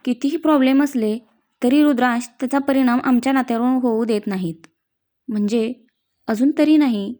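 An affectionate, bossy young bride among her old friends, as a woman reader puts her on. Her voice is mellow and a touch high, and she mixes fond teasing with playful scolding. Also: moderate pace, close to an everyday voice.

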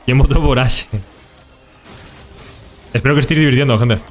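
A man's voice: medium pitch, normal speed. Slangy Spanish streamer man. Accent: Spain Spanish. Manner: casual and slangy, talks to chat. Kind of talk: live gameplay commentary.

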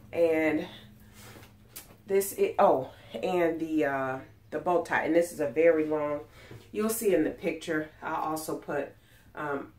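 A sewing vlogger with a low voice chats casually into a webcam at desk distance in a small room at home. A cold has left her sounding nasal and stuffed-up. She rambles, full of ums and false starts.

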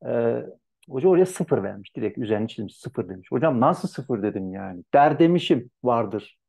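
A man teaching an Arabic translation class online, animated and lively, acting out students' complaints in a raised voice. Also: medium pitch, fairly quick, vocal fry, husky. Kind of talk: online lecture.

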